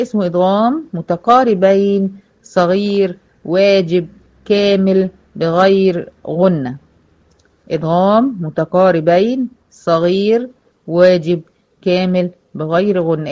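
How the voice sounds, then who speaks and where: Egyptian woman, tajweed teacher for a class of girls, patient and questioning, muffled lo-fi sound. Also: on the low side. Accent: Egyptian Arabic. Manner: patient, asks students questions and answers them herself. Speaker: Quran recitation teacher. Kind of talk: online tajweed lesson to female students.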